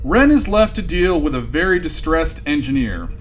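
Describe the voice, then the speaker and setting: A man's voice: fairly high pitch, sing-song, moderate pace, soft background music. A man playing the wry, arch narrator of a scripted sci-fi sitcom audio drama. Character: wry, dramatic storybook-style narrator of space comedy.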